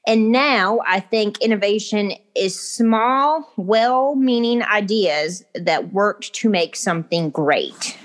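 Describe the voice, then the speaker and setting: A woman's voice: mid-range voice, expressive, slow, hardly any pauses. A woman chatting casually as an interview guest, with a playful, informal manner. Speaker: educator, podcast guest. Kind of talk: casual unscripted interview chat.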